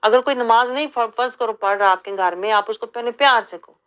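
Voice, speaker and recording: Woman, Pakistani Urdu accent, religious lesson, earnest, acts out quotes, fairly high voice. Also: fairly bright tone, clean tone. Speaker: religious teacher.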